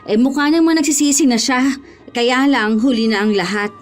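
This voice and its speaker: A woman's voice: high voice, moderate pace, soft background music, natural voice. A young woman playing an anxious, debt-burdened young woman in a horror audio drama who often stammers from nerves. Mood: worried. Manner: worried, stammers when nervous.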